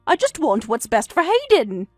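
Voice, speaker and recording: A woman's voice: high-pitched, wildly swooping pitch, moderate pace, no echo, clean studio sound, soft background music. A woman voicing a defensive older mother-in-law who pleads and makes excuses, in a synthetic text-to-speech read. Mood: pleading.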